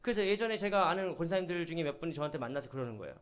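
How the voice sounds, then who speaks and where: A middle-aged man preaching a sermon as a pastor, animated and acting out the voices he quotes. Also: fairly high pitch, very fast.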